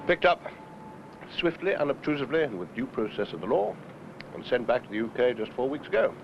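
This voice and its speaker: An actor playing a wry senior British detective in a 1970s television drama, speaking in a clipped, dryly authoritative way. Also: male voice, mid-range voice, big pitch swings, a little fast, gravelly. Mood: brisk, probing. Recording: dull, noisy 1970s television location sound.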